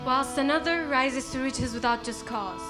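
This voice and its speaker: A student actress speaking as a solemn chorus member in a school stage play. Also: female voice, sits high, moderate pace, over music, lightly acted. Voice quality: declaiming, solemn. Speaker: student actor.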